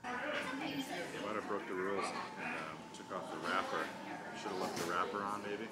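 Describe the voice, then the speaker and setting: A man's voice: sits low, sing-song, normal speed, very noisy. A man in his forties casually reviewing a restaurant meal, filming himself at close range. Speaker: family vlog host. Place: indoor restaurant with open sides. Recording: loud music behind.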